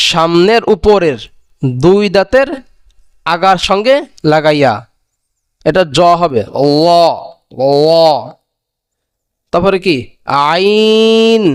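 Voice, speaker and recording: Male Quran teacher, high voice, unhurried drilling, dry close recording. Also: smooth, dry recording. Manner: drills each letter twice, stretching the sound, then asks and answers his own questions. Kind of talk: slow recitation lesson on Arabic letter sounds.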